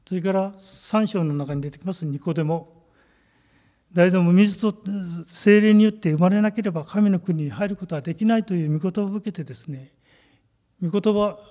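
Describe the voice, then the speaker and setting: A man giving a sermon as a pastor, measured and emphatic, stretching out key phrases. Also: high-pitched, warm tone. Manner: measured, emphatic preaching with slow stressed phrases.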